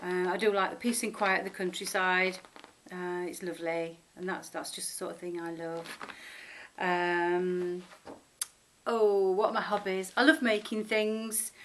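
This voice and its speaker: Her voice sits on the low side, unhurried and with little pitch movement, as this middle-aged vlogger from Sheffield, northern England, introduces herself. She speaks with a Northern English accent, rambling affectionately and informally to her viewers, unscripted, to camera. A little hiss or hum can be heard.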